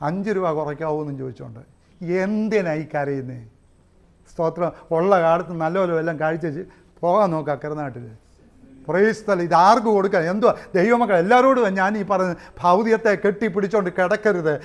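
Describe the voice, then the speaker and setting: A man preaching a fiery sermon, swinging loud shouts to low asides with praise exclamations. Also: a little fast. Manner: swings between shouting and near-muttered asides, with tongues and exclamations. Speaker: pastor. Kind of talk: Pentecostal sermon.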